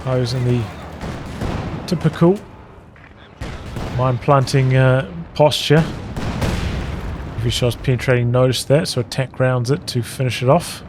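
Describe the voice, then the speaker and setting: Speaking a little slowly with long pauses, a medium-pitched man narrates a strategy game live in choppy, fragmentary remarks. Behind him, the game's gunfire, explosions, artillery and vehicles make for a noisy, loud background.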